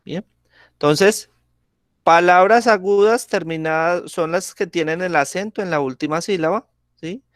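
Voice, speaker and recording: A male teacher talks very slowly and patiently, with a slightly raised pitch. He keeps checking in with the class. The sound is dry and close, like a video call. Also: dry recording. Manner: slow, patient, checks in with frequent "¿sí?". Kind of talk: classroom grammar lesson.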